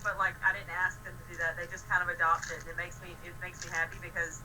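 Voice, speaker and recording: A young woman chatting with a friend over the phone, excitable and animated, swearing often as she tells stories. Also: on the low side, fast, noisy background. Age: young adult. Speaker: friend on a call. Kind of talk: casual chat.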